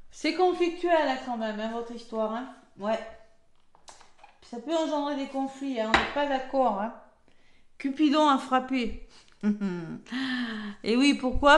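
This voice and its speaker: A woman's voice: high-pitched, roomy sound. A woman with a French accent giving a chatty weekly tarot reading, full of fillers and tag words. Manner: chatty, filler-heavy, frequent "hein". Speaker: tarot reader.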